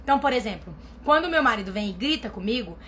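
A woman's voice: fairly high pitch, lively intonation, fast talker, fairly bright tone, slight background noise. A woman therapist giving blunt, emphatic advice in a casual chat, often repeating herself for stress. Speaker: family constellation therapist answering viewer questions. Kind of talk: casual live advice reading comments.

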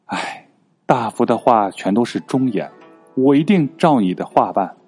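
A man's voice: mid-range voice, lively intonation, normal speed, a little mellow, husky, faint music behind. A man voicing a young king whose mood swings from playful to stern. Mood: earnest. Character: young male king, playful then resolute.

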